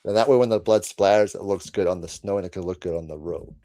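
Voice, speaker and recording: A man's voice: low-pitched, fast talker, mellow, dry recording. A man hosting a casual horror podcast chat, laughing often and trailing off with "so". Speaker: channel host.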